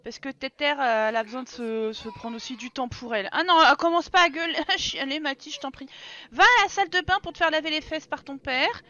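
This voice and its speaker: High, bright, exasperated French woman gamer. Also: brisk, dull audio. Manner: exasperated, swearing, laughing, talks to her characters. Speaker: let's play host. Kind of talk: casual gaming commentary.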